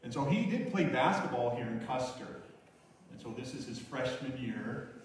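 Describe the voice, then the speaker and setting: A middle-aged man preaches from the pulpit of a small church, relaxed and halting, full of fillers. He is picked up by a camera far back in the room, so his voice comes through roomy and distant with faint room noise behind. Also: medium pitch. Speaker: guest speaker. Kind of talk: sermon with opening prayer. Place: small church hall with congregation.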